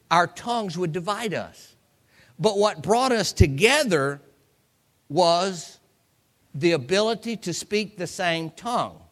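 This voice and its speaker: With a high-pitched, fairly bright voice, an American man teaches the Bible in an informal sermon. He keeps things folksy, acting out quotes and examples and hammering points home through repeated phrases.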